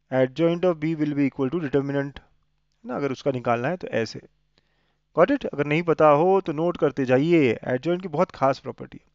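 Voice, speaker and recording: A man's voice: fairly high pitch, dry recording, muffled recording. A man teaching an exam revision maths lesson, coaxing students with frequent checking questions. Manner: coaxing, asks many checking questions, mixes Hindi and English.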